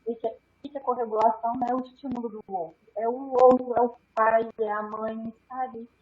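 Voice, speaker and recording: A woman with a fairly high voice speaks as a guest doctor, explaining child behaviour in lively interview talk. She keeps tagging her phrases with a quick questioning word and slips into the voices of parents and teachers. The sound is dull and lo-fi. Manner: animated, acts out quoted adults, frequent "né?" tags. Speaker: guest neuropediatrician.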